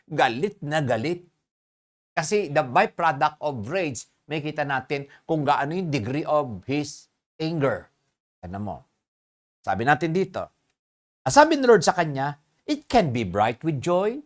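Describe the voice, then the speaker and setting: A preacher giving a sermon, who keeps asking the congregation questions, mixes English phrases into the talk and reads scripture slowly and with emphasis. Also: mid-range voice, sing-song. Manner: asks the congregation rhetorical questions.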